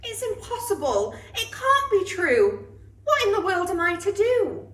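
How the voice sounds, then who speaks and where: A woman's voice: very high voice, big pitch swings, unhurried, a bit bright, heavily acted. A woman playing a melodramatic young miller's daughter in a rhyming pantomime, exclamatory and theatrical. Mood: despairing. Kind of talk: rhyming amateur pantomime acting. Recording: echoey room, distant microphone.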